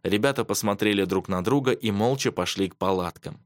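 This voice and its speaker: Guy reading a kids story out loud, deep-ish, dry studio sound. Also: a little fast, dry recording. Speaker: audiobook narrator. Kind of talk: scripted narration.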